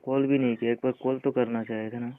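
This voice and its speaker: A man's voice: medium pitch, flat delivery, fast talker. Young man teasing on a tinny phone line. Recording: tinny phone call recording with faint hiss.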